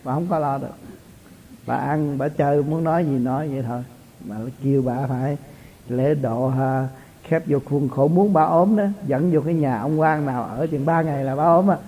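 A man's voice: a little high, moderate pace, dark tone, slight background noise. A man, a spiritual teacher giving an informal, chatty talk to his followers and chuckling often. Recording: tinny lo-fi recording.

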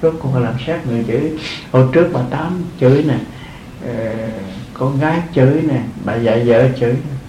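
A man's voice: medium pitch, normal speed, dark tone, echoey room, slight background noise, rough recording. An older man, a monk, giving an earnest dharma talk to lay followers, repeating his phrases and chuckling often. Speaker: Buddhist monk teaching.

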